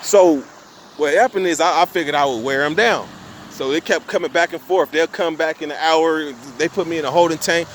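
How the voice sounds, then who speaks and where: A young man with a highish voice talks fairly quickly, telling his viewers a long story in casual street slang. He is profane and rambling, often restarting and repeating his sentences, with slight background noise.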